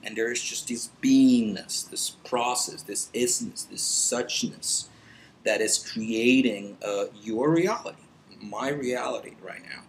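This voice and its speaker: A man's voice: mid-range voice, slight background noise, poor audio. A man from El Salvador talking in a casual, rambling vlog into his computer, with many fillers and restarts. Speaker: meditation vlogger. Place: meditation center indoors.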